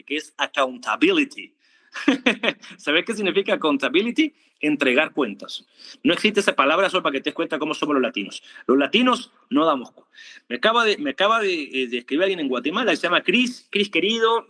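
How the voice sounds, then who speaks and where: A man with an Argentine accent preaching informally to an online audience, joking and asking rhetorical questions. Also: on the high side. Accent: Argentine Spanish. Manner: animated, rhetorical questions, jokes and laughs. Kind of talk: livestream preaching with viewer greetings.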